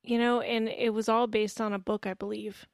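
Deadpan joking woman, dry close sound. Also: fairly high pitch, moderate pace, vocal fry, no room sound. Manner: deadpan, jokey asides. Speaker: podcast co-host. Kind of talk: casual film discussion chat.

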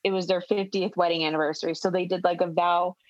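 Low-voiced woman, dull dry sound. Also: flat delivery, dry recording. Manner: easygoing, reactive, quick to laugh along. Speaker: podcast co-host. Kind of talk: casual chat.

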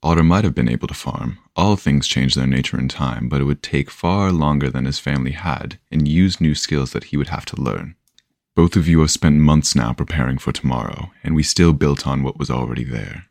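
A patient old storyteller with a wry, knowing way of explaining things, as a man reads him out in a very deep voice. He takes his time and lectures gently, close and dry with no room around him. The tone stays teasing but kind. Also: a little fast, vocal fry, dry recording.

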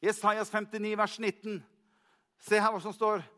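A male preacher giving a sermon, asking questions and answering them himself, slowing down to read scripture aloud with emphasis. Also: sits high, level tone, sharp tone.

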